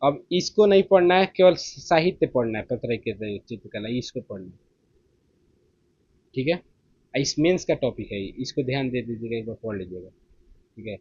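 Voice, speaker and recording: A man's voice: mid-range voice, expressive, normal speed, a little mellow, slightly rough, no room sound. A man teaching an exam-prep lesson in a casual, chatty way, tagging "theek hai" onto each point. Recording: slightly muffled dry recording.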